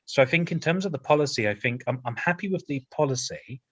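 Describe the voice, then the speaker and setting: A man speaks as a councillor in a committee meeting, his delivery full of restarts and repeated words. The sound is dry and close, with no room echo. His pitch sits in a middling range. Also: expressive, fast, a bit bright, husky, dull audio. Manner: hesitant, repeats words, jokes lightly.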